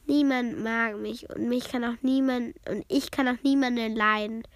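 A woman's voice: a little high, steady tone, normal speed, dry recording, close to an everyday voice. A woman voicing a hurt, defiant schoolgirl in a children's story read aloud, talking sulkily. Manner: sulky, defiant.

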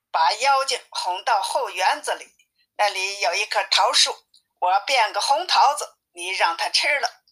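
Bright-voiced woman telling a story. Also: mid-range voice, low-quality recording. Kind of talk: audiobook storytelling for listeners.

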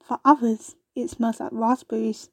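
A woman's voice: on the high side, little pitch movement, normal speed, vocal fry, dry recording, studio quality. A woman voicing a small, thoughtful female bumble wasp in a storybook reading, speaking hesitantly and dreamily, sometimes stammering. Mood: dreamy.

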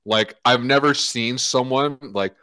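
A man's voice: mid-range voice, a little slow, pushed and bright, no room sound. A man co-hosting a casual beer-review podcast, laid-back and casually swearing as he tells stories. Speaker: podcast co-host. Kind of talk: casual chat reviewing beers.

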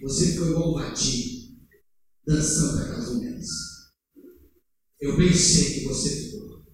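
Male pastor, high voice, animated sermon delivery, distant mic in a very echoey church. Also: a little slow. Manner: animated, swings from loud urging to low asides. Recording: echoey church hall, heard from afar.

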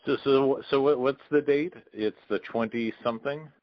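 A man's voice: medium pitch, moderate pace, no echo, dull audio. A man interviewing a guest in a friendly, curious way. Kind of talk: casual interview chat.

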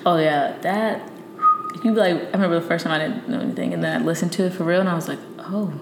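A woman's voice: on the low side, quick pace. A young woman co-hosting a podcast, chatting casually with slang, recorded in an apartment kitchen. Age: young adult. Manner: informal, slangy. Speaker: podcast co-host. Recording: echoey room, clear ambient noise.

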